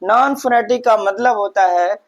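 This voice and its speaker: A man's voice: sits high, a little slow, dull audio. A man teaching English grammar in Hindi. He repeats phrases, asks rhetorical questions and dictates definitions word by word. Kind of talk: Hindi classroom-style lesson, slow and repetitive.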